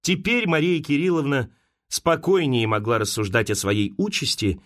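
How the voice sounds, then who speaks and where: A man from Russia reading a classic novel aloud as an audiobook narrator, dramatic and expressive. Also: mid-range voice, moderate pace. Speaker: audiobook reader.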